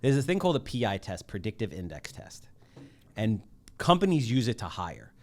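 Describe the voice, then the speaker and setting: Animated man hosting a casual podcast. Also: lowish voice, normal speed. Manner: animated, emphatic, jokey. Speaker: podcast host.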